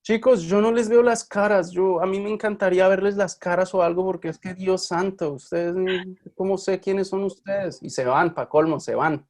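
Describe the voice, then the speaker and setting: A man's voice: high-pitched, fairly even intonation, moderate pace, darkish tone. A man teaching an online university class, lecturing casually and often checking in with his students. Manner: chatty, checks in with frequent questions. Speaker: university Spanish linguistics teacher.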